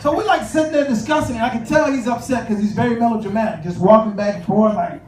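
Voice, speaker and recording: A man with a very high voice performs a stand-up set, chatting through his stories and slipping into the voices of the people in them. He pauses often with "uh" between thoughts. The recording is roomy and taken from a distance. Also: darkish tone. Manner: conversational storytelling with filler pauses, acts out both sides of dialogues. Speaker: stand-up comedian. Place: comedy club stage with audience laughter. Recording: echoey room, from a distance, noisy.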